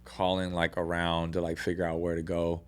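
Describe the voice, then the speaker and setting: A man's voice: deep voice, monotone, moderate pace, clean tone. A young man, a boxer, talking casually in a podcast interview, swearing often and acting out quotes. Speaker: boxer guest.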